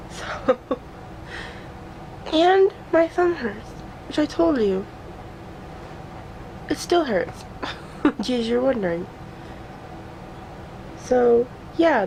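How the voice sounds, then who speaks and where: A woman with a mid-range, creaky voice chats casually to the camera at home for her daily vlog. She's sick with a stuffy nose, her voice coming and going, and she mocks herself and laughs often. The audio is poor, with slight background noise.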